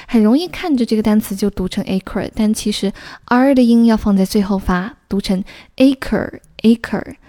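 A woman's voice: a little high, dark tone. A young woman teaching English vocabulary, patiently explaining and spelling out words letter by letter.

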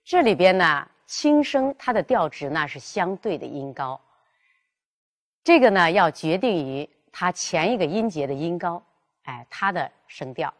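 A woman leads a pronunciation lesson with a lowish, even voice. She explains slowly and clearly, then sounds out example words one at a time. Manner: clear, measured, demonstrating tones. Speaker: Mandarin pronunciation teacher. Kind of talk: classroom lesson.

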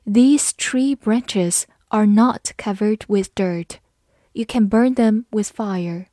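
A woman's voice: mid-range voice, slow, dark tone, no room sound, studio quality. A woman teaching English vocabulary. She reviews it word by word, saying each word twice and then listing its parts of speech and meanings.

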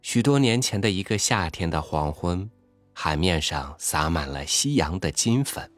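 A man reading a story aloud in a soft, intimate, expressive way, sometimes dropping to a hush. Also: sits low, a little slow, dry recording, soft background music.

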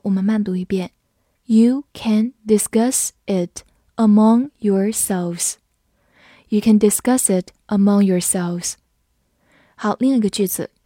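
Mellow woman teaching English words. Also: mid-range voice, no echo, studio quality. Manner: spells words letter by letter, reads examples slowly. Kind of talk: vocabulary lesson with slow read-alongs.

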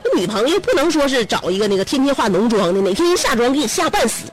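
A woman radio host puts on a chirpy, overconfident young woman friend. She brags breezily with a lively, bouncing pitch. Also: soft background music. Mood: lecturing. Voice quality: boastful, breezy, quick talker.

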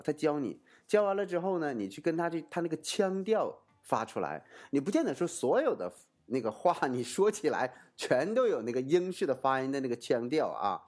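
A man speaking in a casual, explanatory way, like an advisor talking someone through a choice. His pitch swoops up and down freely, which makes him sound lively. He poses rhetorical questions and answers them himself, and his sentences keep restarting around little fillers. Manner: animated, swooping intonation.

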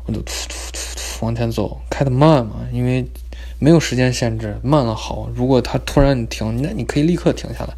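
A young man telling a story in an animated, comic, chatty way. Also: mid-range voice, brisk, husky. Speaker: vlogger. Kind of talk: casual storytelling.

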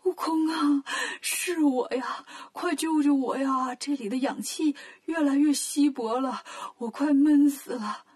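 A woman voicing a frightened, gentle male monk master in a children's story, speaking slowly. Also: high-pitched. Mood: pleading.

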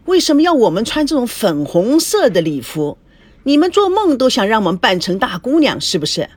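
A woman voicing a brash young best man in an audiobook, loud and teasing. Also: fairly high pitch, very animated, a little fast, husky, dry recording.

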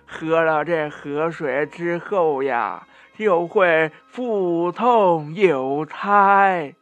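Man voicing old village woman, kindly, very slow drawl, high, dry sound. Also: dry recording, lo-fi sound, faint music behind. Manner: slow, drawn-out speech.

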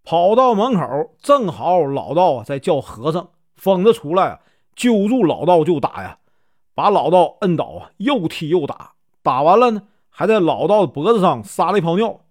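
A man from Northeast China telling a folk tale as a casual storyteller, lively and animated. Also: on the high side, moderate pace, dry recording, studio quality.

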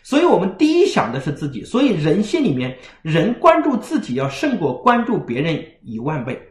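Male parenting lecturer, fast and lively, keeps asking "right?", roomy sound. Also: a little high. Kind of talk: livestream lecture. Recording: roomy echo.

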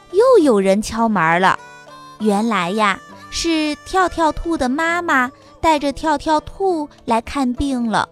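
A woman narrating a children's story in a slow, sing-song, expressive way. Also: sits high.

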